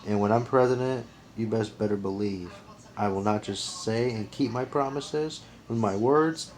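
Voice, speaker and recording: A young man in his twenties with a somewhat low voice talks on in a loose, earnest monologue to camera. He rambles, trips over his own sentences and starts again. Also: normal speed, a little mellow, rough recording. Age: 20s. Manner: rambling, earnest, restarts and counts aloud. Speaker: vlogger.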